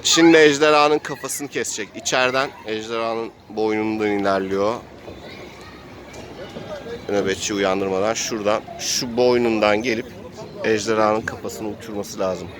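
Narrating an improvised role-playing adventure as game master, a man tells the action dramatically, play by play. His lowish voice is steady and at normal speed, with crowd noise plus faint street sounds and background voices in the recording.

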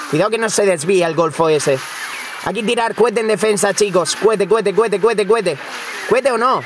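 Young man, high bright voice, hyped gameplay commentary, shouts often, faint hiss behind. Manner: excitable, frequent shouting and repeated words. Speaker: gaming streamer.

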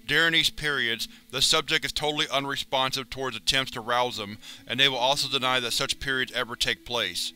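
A man narrates a wiki entry in a formal, clinical manner. His voice is very bright and crisp, with a smooth, clear tone. The delivery stays steady and even throughout. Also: medium pitch, fairly quick, few pauses. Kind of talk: scripted reading of a wiki entry.

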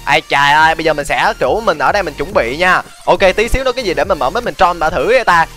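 Fast, excitable male game streamer. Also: on the high side. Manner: fast, excitable, exclaims often. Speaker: gaming streamer. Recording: game music behind.

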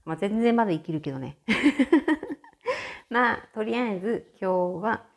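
A woman's voice: mid-range voice, a little slow, gravelly. A woman hosting a casual solo audio chat, chatty and often laughing. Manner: chatty, frequent laughter, animated shifts in tone. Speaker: podcast host.

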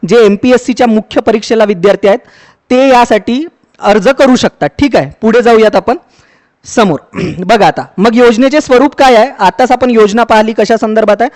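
A man's voice: very high-pitched, a little mellow. A man explaining an application process to students in a conversational walkthrough, often checking in with listeners and restarting words. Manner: conversational, repeats "ठीक आहे", frequent fillers and restarts. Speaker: education YouTuber explaining a scheme.

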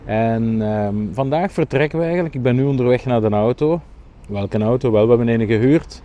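A man with a Flemish accent narrating his travel vlog in a relaxed, chatty way, pausing with fillers as he walks outdoors. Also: mid-range voice, highs cut off. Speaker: travel vlogger. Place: outdoors, walking on a trip. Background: music.

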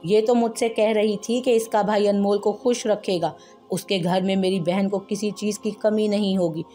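A woman's voice: medium pitch, fairly even intonation, normal speed, dark tone, soft background music, close to an everyday voice. A woman voicing an angry young husband in a storybook reading, curt and commanding. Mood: bitter.

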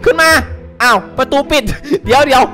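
A young man giving excitable, casual co-op game commentary, yelping and laughing often. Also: extremely high pitch, a little fast. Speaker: gaming YouTuber. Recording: music playing behind.

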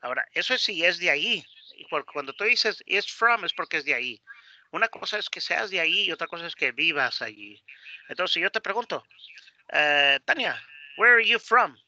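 A man's voice: on the high side, sing-song, normal speed, pushed and bright, no room sound, highs cut off. A man teaching a basic English class online, explaining in Spanish with English examples and lots of fillers and tag questions.

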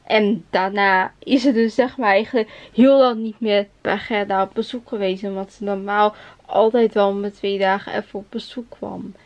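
A woman's voice: medium pitch, steady tone, normal speed, dull audio. A woman vlogger rambling through anecdotes, laughing often and acting out the people she quotes. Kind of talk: casual storytelling.

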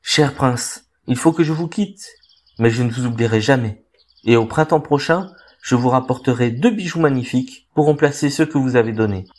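Un homme qui prête sa voix à un petit passereau au bon cœur, sur un ton suppliant et tendre, dans un conte lu à voix haute. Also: male voice, medium pitch, moderate pace, darkish tone, close to an everyday voice. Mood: pleading. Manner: pleading, tender. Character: gentle, soft-hearted little male sparrow bird.

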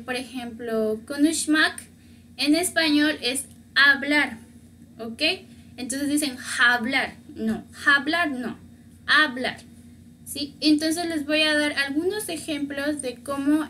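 A woman with a high, bright voice teaches a beginners' language class. She talks at an unhurried pace and repeats each example word slowly and patiently so learners can copy it. A faint hiss of background noise sits under her voice. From Mexico. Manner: patient, repeats words slowly to model pronunciation. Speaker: Spanish teacher.

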